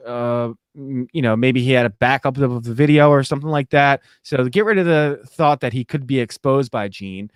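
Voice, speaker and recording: Man, young adult, casual podcast host, animated recap, dry recording. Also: mid-range voice, normal speed, few pauses, clear, resonant tone, no echo. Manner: animated, recaps plot with quoted voices. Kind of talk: casual podcast review chat.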